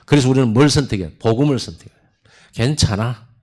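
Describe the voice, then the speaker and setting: A man from Korea preaching a sermon in a church sanctuary, his low voice swinging up and down with lively emphasis. He tells his story conversationally and punches key words loudly. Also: a little slow. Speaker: pastor.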